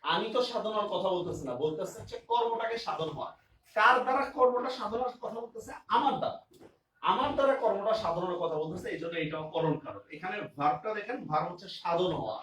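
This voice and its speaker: Teaching grammar online, this man speaks quickly in a high, animated, fairly bright voice. He repeats his examples and keeps asking whether students are following, captured on a distant mic in an echoey room with faint noise.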